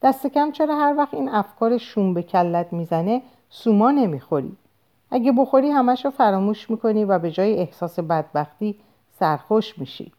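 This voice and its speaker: A woman's voice: medium pitch, lively intonation, mellow, pitched above the performer's own voice, close to an everyday voice. A woman reading a storybook aloud, voicing a carefree, easily anxious young woman who pleads in a raised voice. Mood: insistent.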